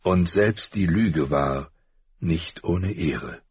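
Eddard Stark: a man doing a grave gentle father, deep and slow. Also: husky, no room sound, lo-fi sound, exaggerated voice. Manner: slow, soft-spoken, weighty. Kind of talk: audiobook character voice.

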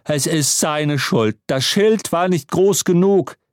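A pompous old wizard dean, played by a male narrator, blustery and indignant with a lively voice. The storybook reading is close and dry. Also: lowish voice, measured pace, slightly rough, dry recording, heavily acted. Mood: thundering.

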